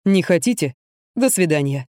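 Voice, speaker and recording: A woman voicing a calm, blunt young male fitness trainer who speaks curtly and matter-of-factly. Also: on the low side, moderate pace, dry recording, studio quality, close to an everyday voice. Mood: cool. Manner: cool, curt, matter-of-fact.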